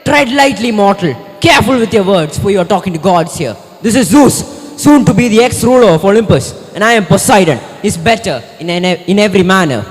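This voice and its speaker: A man's voice: high-pitched, lively intonation, fairly quick. A man playing a smug, sarcastic sea god. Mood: imperious. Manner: sarcastic and taunting, theatrical. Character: smug male sea god, rival brother. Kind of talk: amateur stage skit. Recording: echoey hall.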